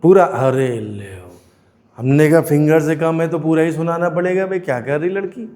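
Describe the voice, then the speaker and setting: Sick teacher guy in a classroom, mellow voice sitting a bit high, ribs and scolds his students. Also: steady tone, fairly quick. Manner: scolding, teasing, drilling students. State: unwell, sore throat. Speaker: coaching teacher. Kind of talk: classroom physics lecture.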